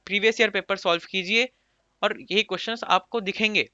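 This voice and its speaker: A man's voice: high voice, fairly even intonation, fairly quick, pushed and bright, no room sound. A man teaching an exam-prep grammar lesson, repeating points and quizzing listeners with rhetorical questions. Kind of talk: English grammar lesson explained in Hindi. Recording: dull lo-fi recording.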